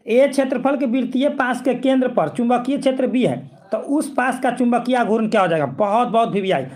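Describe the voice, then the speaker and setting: A man's voice: very high-pitched, darkish tone. A male physics teacher, coaching students for exams. He repeats himself and keeps asking whether they follow. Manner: repetitive, coaxing, keeps checking students follow. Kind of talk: exam-prep lesson.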